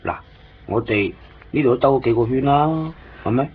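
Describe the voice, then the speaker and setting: A dull, lo-fi 1990s radio broadcast with music carries this drama, where a lightly acted mid-range voice speaks at a moderate pace over slight background noise. The actor, with a Hong Kong Cantonese accent, portrays a chatty Hong Kong man living in Japan who fussily guides and coaxes a friend.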